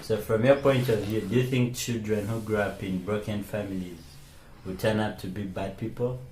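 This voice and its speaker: A man from Uganda interviewing a guest, asking soft-spoken questions with short fillers in between. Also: lowish voice, steady tone, normal speed. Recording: echoey room with faint noise.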